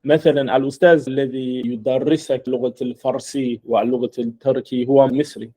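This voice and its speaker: Mellow man asking short, slow questions. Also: medium pitch, level tone. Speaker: interviewer, channel host. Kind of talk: interview in formal Arabic.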